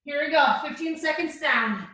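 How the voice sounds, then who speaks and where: A woman's voice: high-pitched, moderate pace, sharp tone. A woman leading a workout as an aerobics instructor, energetically calling out short encouraging commands and counts while exercising. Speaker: fitness instructor. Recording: echoey room, distant microphone.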